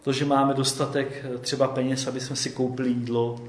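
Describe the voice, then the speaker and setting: A man preaching a conversational sermon, often checking in with his listeners with a quick "jo?". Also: medium pitch, little pitch movement, reverberant.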